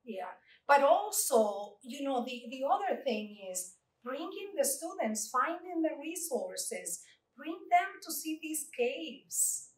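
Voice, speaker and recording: Slow-speaking woman answering questions at a lectern. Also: high voice. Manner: slow, thoughtful, many fillers and restarts. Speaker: guest poet answering audience questions. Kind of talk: unscripted Q&A at an author talk. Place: library meeting room, standing at a lectern. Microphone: far room mic. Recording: echoey room recorded from far off.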